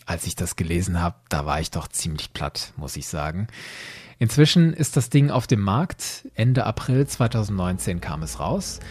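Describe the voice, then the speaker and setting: A podcast host speaks directly to listeners in a solo explanatory narration that is emphatic, conversational and well ordered. His deep, slightly rough voice is a little mellow and sing-song, at a normal speed.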